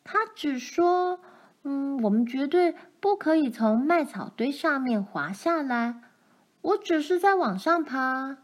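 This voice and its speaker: A woman voicing a bold, lively little girl who talks back. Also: high-pitched, slow, voice pushed up. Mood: excited playful.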